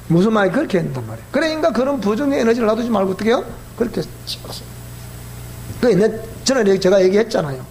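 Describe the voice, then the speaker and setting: Male pastor, Gyeongsang accent, middle-aged, folksy sermon, lively swinging pitch, faint hum behind. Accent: Gyeongsang Korean. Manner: folksy, animated storytelling with acted-out voices.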